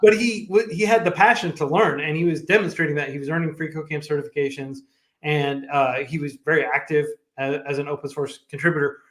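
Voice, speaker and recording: A bit bright and fairly high, this man's voice stays steady as he talks fairly quickly. He founded a coding nonprofit and is guesting on a livestream, where he chats loosely with many fillers, frequent restarts and lots of laughter. The space is echoey.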